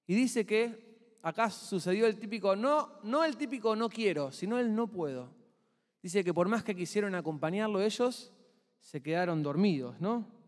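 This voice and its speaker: High-voiced Argentine preacher, echoey hall. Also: male voice, moderate pace. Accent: Argentine Spanish. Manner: expressive, dramatizes the scene. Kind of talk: sermon. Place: church hall.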